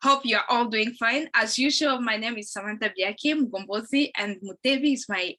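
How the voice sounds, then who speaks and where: Woman host, bright forceful voice, slightly high, rambling greetings, corrects herself. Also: normal speed. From Congo, grew up in Uganda. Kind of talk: online program introduction.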